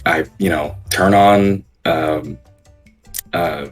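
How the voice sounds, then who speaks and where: A man with a deep singer's voice tells a casual anecdote in a low-key, hedging way, as a guest on a voice call. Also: steady tone, drawn-out words, soft background music. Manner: low-key, hedging storyteller with frequent check-ins. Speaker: call-in guest on a live show. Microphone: voice call on Discord.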